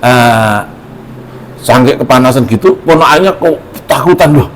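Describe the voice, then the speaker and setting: A man, a religious teacher, telling a moral story in a lively, animated way. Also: medium pitch, normal speed, slight background noise, poor audio.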